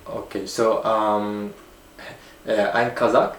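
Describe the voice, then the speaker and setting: A man's voice: on the low side, flat delivery, slow, fairly bright tone, slight background noise. A young man from Uzbekistan answering interview questions hesitantly, with many fillers and restarts. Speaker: guest. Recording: echoey room.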